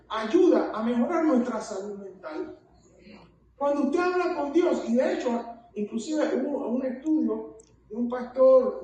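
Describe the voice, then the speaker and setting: A woman's voice: high voice, warm tone. A woman preacher delivering a fervent sermon who keeps calling her listeners "hermano". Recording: echoey hall, distant mic, faint noise.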